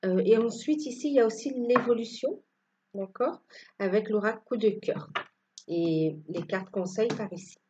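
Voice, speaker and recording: A woman's voice: a little high, normal speed, warm tone, lo-fi sound, a little hiss or hum. A woman giving a casual tarot reading to her viewers, hesitant and full of fillers. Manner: hesitant, many fillers and restarts. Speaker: tarot card reader.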